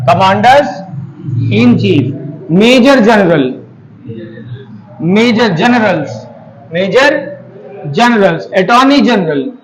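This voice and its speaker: A man's voice: sits high, slight background noise, low-quality recording. A man teaching grammar in Hindi. He drills words by repeating them and asks students questions that he then answers. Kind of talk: classroom grammar lesson.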